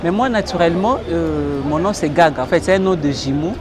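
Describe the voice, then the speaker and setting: Congolese male guest, somewhat high voice, hesitant French with Lingala, noisy street crowd behind. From Democratic Republic of the Congo. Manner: explains in measured French with Lingala phrases and hesitations.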